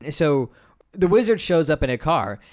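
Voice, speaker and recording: Lively joking man recapping a film. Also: fairly high pitch, moderate pace, noisy background. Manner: animated, jokey, swears freely, laughs often. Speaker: podcast co-host. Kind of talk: casual comedic film recap chat.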